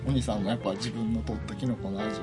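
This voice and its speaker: A man's voice: lowish voice, steady tone, rapid-fire. A man hosting a radio show, chatty and full of 'ne' fillers. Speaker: radio host. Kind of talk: casual radio talk. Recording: music playing behind.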